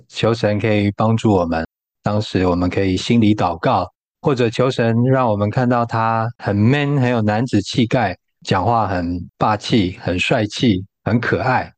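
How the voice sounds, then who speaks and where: A man with a low voice offers gentle counsel on a faith talk show. He speaks calmly and evenly. The recording is dry. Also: no echo.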